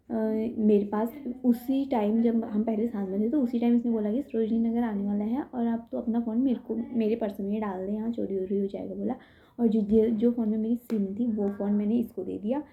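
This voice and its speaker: A woman's voice: medium pitch, narrow, tinny audio. A young woman from India telling a story in a casual vlog, chatty and tired, calling her viewers brother and guys. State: tired, head aching. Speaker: vlogger. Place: indoors at home.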